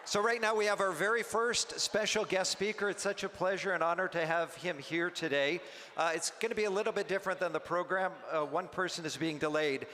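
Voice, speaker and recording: A man's voice: high-pitched, pushed and bright. Man emceeing in a reverberant banquet hall. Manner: unhurried, chatty, a little halting. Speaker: event emcee. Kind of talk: event hosting announcements. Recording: long hall reverb, faint noise.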